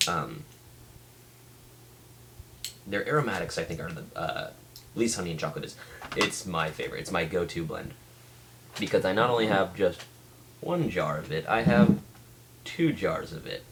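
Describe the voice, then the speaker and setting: Low voiced guy doing a rambly casual review, keeps stopping and restarting, bit of noise behind him. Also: lively intonation. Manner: halting, with many restarts and trailing thoughts. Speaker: pipe tobacco reviewer.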